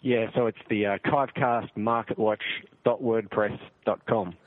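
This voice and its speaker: A man's voice: lowish voice, fairly even intonation, moderate pace, dry recording. A man with an Australian accent, chatting casually as a podcast guest in an easygoing, rambling way. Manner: easygoing, rambling with many fillers. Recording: tinny dry phone line.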